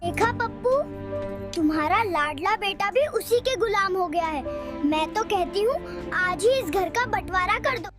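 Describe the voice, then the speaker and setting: A woman voicing a sharp-tongued, nagging older mother-in-law in a cartoon, scolding and complaining. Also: very high voice, animated, a little slow. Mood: bitter. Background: background music.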